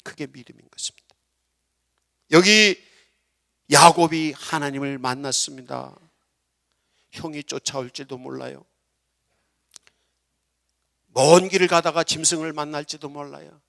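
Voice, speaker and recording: A middle-aged man preaching a sermon as pastor, swinging from low, quiet asides to loud, soaring declarations. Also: unhurried, creaky, pauses often. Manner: preaching with sudden loud rises.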